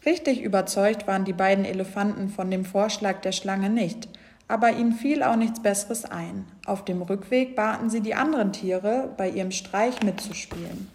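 A woman reading a children's storybook aloud in a gentle, clear voice. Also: mid-range voice, moderate pace.

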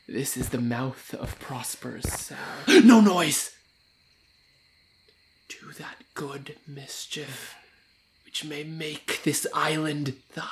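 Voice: medium pitch, gravelly, a little hiss or hum. Casting: actor as brutish island monster, conspiratorial whispering. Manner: hushed, whispering then shouting.

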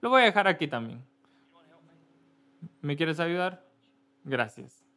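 Halting, slightly high-voiced pastor. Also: male voice, sing-song, sharp tone. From Kentucky, USA. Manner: casual, halting, with frequent self-corrections. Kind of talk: church announcements before a service.

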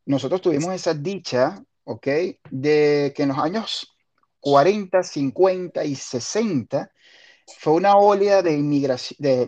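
A man's voice: a little high, dark tone, dull audio. Chatty Venezuelan man hosting an interview. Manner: talkative, repeats and restarts words. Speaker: podcast host. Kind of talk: casual interview.

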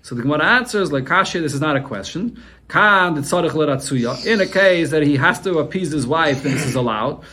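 A man's voice: a little high, lively intonation, fairly quick, bright, forceful tone, slight background noise. Man teaching a Talmud lesson. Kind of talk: Talmud shiur, translating and explaining.

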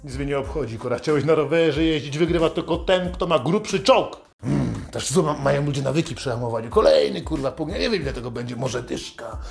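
A man's voice: on the high side, brisk, gravelly, faint music behind. A man delivering a satirical comedic rant in a swaggering, foul-mouthed manner.

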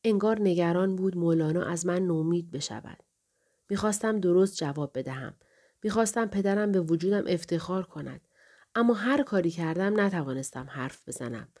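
A woman reading an audiobook story in calm, even scripted narration. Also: on the low side.

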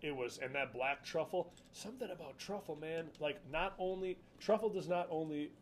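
Excitable, joking man with a higher voice. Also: normal speed, slight background noise, poor audio. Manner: excitable, joking, laughs often. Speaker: podcast co-host. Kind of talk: casual podcast chat.

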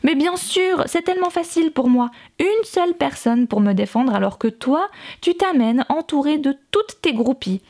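A woman's voice: high-pitched, expressive, moderate pace, a little mellow, pitched above the performer's own voice. A woman voicing a guarded young wife of about twenty who answers back with bitterness. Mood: bitter. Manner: guarded, then bitter and defiant.

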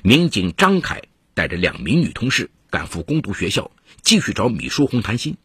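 Husky low male true-crime narrator. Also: wildly swooping pitch, fairly bright tone, no echo. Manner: measured storytelling with dramatic emphasis. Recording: dry close studio voice-over.

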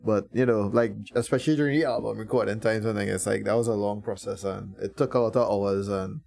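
A man in his thirties, a band member chatting as a guest in a relaxed, chuckling way. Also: fairly low pitch, fast talker, vocal fry. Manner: laid-back, chuckling, lots of fillers. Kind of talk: casual interview chat.

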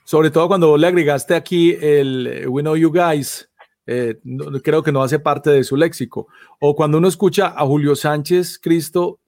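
A man's voice: on the high side, a little mellow, no echo, clean studio sound. A man hosting a casual chat, with a wry, chuckling manner.

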